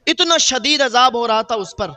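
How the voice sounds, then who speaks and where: A grief-stricken grown man mourns his brother, his high voice pleading and lamenting, as a preacher puts him on. It is a sermon story told with heavy sorrow. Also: animated, pushed and bright, heavily acted. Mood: grieving.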